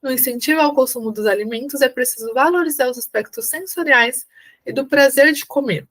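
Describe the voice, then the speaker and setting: Speaking fairly quickly in a slightly high voice, a woman from São Paulo, Brazil, teaches an online exam-prep lecture. Patient in her explanations, she repeatedly makes sure her students are keeping up. Occasionally she performs gentle, coaxing lines, as if addressing a little child seated at the table.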